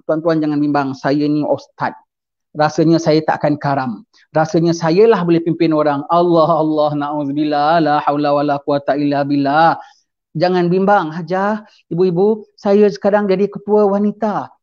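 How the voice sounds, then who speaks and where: A man whose voice sits high and sounds a little mellow gives a sermon, with the highs cut off in the recording. He weaves English phrases into what he says and answers his own questions to the audience.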